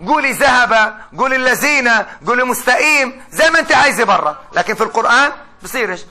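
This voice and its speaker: High, fast Palestinian male lecturer. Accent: Palestinian Arabic. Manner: animated, explains by asking and answering his own questions. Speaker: university lecturer. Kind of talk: classroom lecture in colloquial speech.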